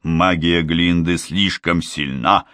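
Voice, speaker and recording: A man's voice: low-pitched, fairly even intonation, takes it slowly, fairly bright tone, no room sound, clean studio sound. A man doing a curt, stern sorcerer. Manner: curt, commanding, terse. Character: gruff, stern male sorcerer warrior.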